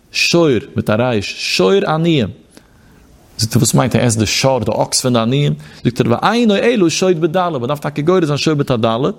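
A man's voice: medium pitch, gravelly. A man giving a Torah lecture with a chanting study cadence and quoted Hebrew passages. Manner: chanting sing-song study cadence, mixing in Hebrew quotations. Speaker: rabbi teaching Torah. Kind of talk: Yiddish-inflected Torah lecture.

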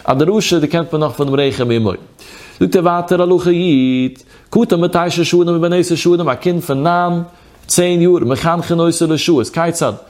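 A man's voice: on the high side, normal speed, darkish tone. A man with a Yiddish accent giving a rabbinic lecture in a chanting sing-song study cadence. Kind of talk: Torah lecture on Yom Kippur fasting law.

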